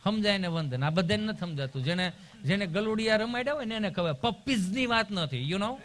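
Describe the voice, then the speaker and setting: Guy, middle-aged, high voice, rustic comic storytelling. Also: fairly quick. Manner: rustic, animated storyteller who acts out voices. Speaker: stand-up comedian. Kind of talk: folk storytelling comedy.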